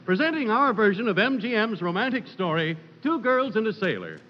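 A man's voice: sits high, big pitch swings, brisk. A man playing a whiny, pleading sidekick in 1940s radio sketch comedy. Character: whiny, pleading male sidekick, a big blubberhead. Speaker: comic sidekick and announcer. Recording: dull, noisy 1940s radio hall recording.

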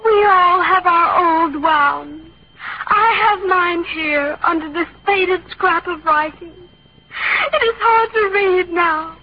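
A woman's voice: very high-pitched, slow pace, exaggerated voice. A woman playing an affected teenage girl who recites an overacted, melodramatic death scene in an old-time radio comedy. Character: sophisticated, affected teenage girl acting in school play. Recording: dull lo-fi old radio recording.

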